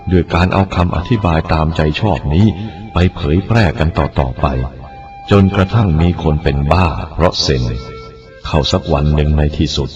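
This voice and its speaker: Male monk, very low voice, measured Buddhist reading, faint music under a muffled recording. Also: darkish tone. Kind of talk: reading a written Buddhist teaching aloud.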